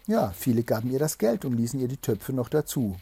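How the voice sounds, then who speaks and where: A man reading a fairy tale aloud to a child, pausing to explain the story gently. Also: medium pitch, very animated, creaky, breathy edge.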